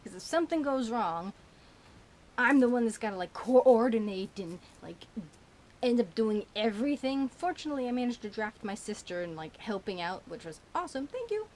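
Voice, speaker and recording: With a burnt tongue slightly slurring her speech, a woman chats about her shopping haul to the camera, rambling, giggling a lot, and using plenty of fillers. Her fairly high, darkish voice is sing-song at a moderate pace.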